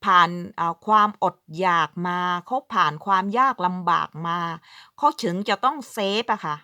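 A woman's voice: fairly low pitch, expressive, moderate pace, pushed and bright, no room sound. A woman from southern Thailand giving casual, emphatic advice as a vlogger, acting out what people say. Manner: chatty, emphatic, acts out quoted speech. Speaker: vlogger living abroad. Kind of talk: casual advice talk to camera.

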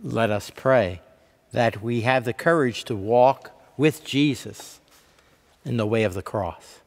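Male celebrant, mid-pitched, calm and reflective, lingering church reverb. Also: slow. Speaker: celebrant leading prayer. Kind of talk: liturgical prayer leading. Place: large church. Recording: church sound with long reverb.

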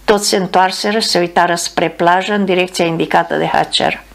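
Low, gravelly woman narrating an audiobook. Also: steady tone.

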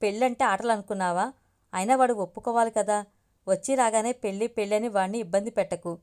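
A woman's voice: mid-range voice, fairly even intonation, fast talker, a little mellow, clear, resonant tone, natural voice. A woman voicing a teasing middle-aged father who jokes with his wife. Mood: chiding.

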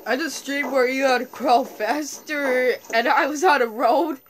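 A woman's voice: sits high, measured pace, a little hiss or hum. A female co-player chatting casually, silly and teasing, begging for a turn at the game. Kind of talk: casual gameplay chat.

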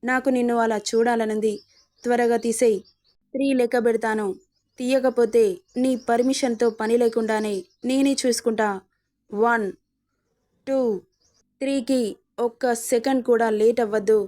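A woman's voice: a little high, steady tone, measured pace, long pauses, dark tone, lightly acted. A woman reading a storybook, voicing a cruel and mocking young husband with a menacing, taunting manner. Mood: leering.

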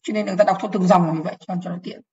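A woman's voice: lowish voice, steady tone, rapid-fire, a little mellow, muffled recording. A woman teaching programming in an online lecture, explaining step by step, repeating key phrases and asking if the class follows.

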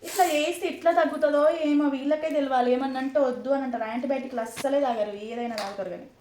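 A woman's voice: sits high, fairly even intonation, rapid-fire, mellow, a little hiss or hum. A young woman with a Telangana Telugu accent, filming a casual home vlog, coaxing her children to take medicine and repeating herself again and again. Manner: coaxing, repeats words over and over. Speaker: vlogger mother.

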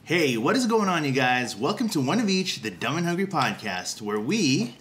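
A man's voice: on the high side, sing-song, normal speed, a bit bright, slight background noise. A man hosting a podcast at a restaurant table, chatting casually, laughing often and trying to keep things moving. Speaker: podcast host. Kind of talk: casual chat. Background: dishes and cutlery clatter.

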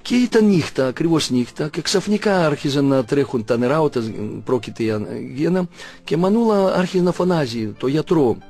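Russian-accented older man, halting speech. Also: a little high, animated, a little mellow. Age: 60s. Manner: halting, searching for words, many self-corrections. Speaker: Orthodox archimandrite. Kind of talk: recounting a personal testimony.

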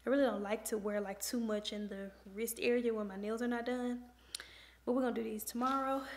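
A young woman, from Memphis, chatting excitedly to camera while getting ready at home. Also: on the high side, a little fast, reverberant. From Memphis, USA. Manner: chatty, excitable, lots of "like" and "y'all". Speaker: lifestyle vlogger. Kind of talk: casual chat to camera. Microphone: camera or phone camera.

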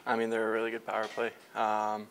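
A young man on a hockey team speaks fast in a low-ish, fairly bright monotone while reporters crowd him with handheld mics after the game. The locker-room scrum captures his many fillers and restarts along with a little hiss or hum.

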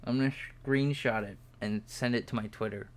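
A man's voice: fairly even intonation, moderate pace. A young man streaming live, rambling and joking at himself as he talks to his viewers while he models in 3D. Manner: yawning, low-key late evening.

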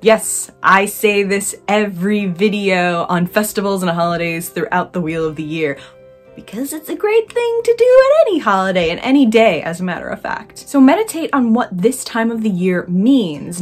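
A woman hosting her own vlog, chatty and upbeat as she explains things in a teacherly way. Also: medium pitch. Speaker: spiritual vlogger, host. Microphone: camera mic.

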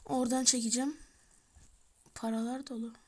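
A woman giving chatty let's-play commentary, talking to her viewers, shouting in bursts and muttering softly as she plays. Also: a little high, little pitch movement, moderate pace. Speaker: gaming channel host. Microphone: tablet or phone mic.

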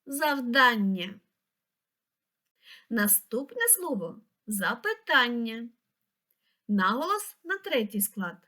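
A woman reading a scripted lesson for young children, pronouncing each word slowly and clearly. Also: on the high side, a bit bright. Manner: slow, clear, pronouncing words syllable by syllable. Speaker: teacher.

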